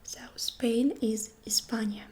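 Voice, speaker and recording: Slow, soft-whispering woman, ASMR lesson. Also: fairly high pitch, steady tone. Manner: soft whisper, repeats each phrase slowly; gentle, soft-spoken. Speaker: ASMR creator teaching phrases.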